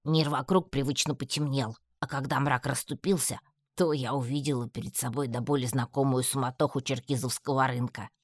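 Very low-voiced woman reading an audiobook. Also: a little fast, dry recording, studio quality. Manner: lively, expressive storytelling. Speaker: audiobook narrator. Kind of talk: first-person audiobook narration.

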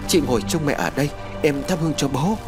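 A man's voice: fairly high pitch, animated, quick pace, over music, voice pushed up, close to an everyday voice. A man voicing a frightened young daughter who pleads in a flustered way, in a spoken ghost-story audiobook. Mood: anxious.

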